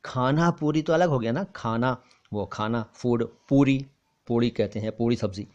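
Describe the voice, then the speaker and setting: A man teaching a pronunciation lesson, explaining words carefully and repeating them slowly so the contrast is clear. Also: mid-range voice, darkish tone, lo-fi sound. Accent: Hindustani with careful Urdu pronunciation. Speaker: language teacher.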